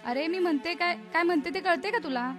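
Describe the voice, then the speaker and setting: A woman's voice: very high-pitched, brisk, over music. An actress playing a worried poor village mother, nagging and anxious. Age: middle-aged.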